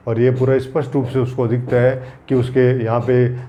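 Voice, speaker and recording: A man's voice: medium pitch, little pitch movement, normal speed, highs cut off. A man teaching Hindi grammar in an exam-prep lecture, repeating key points and using everyday examples to drill them.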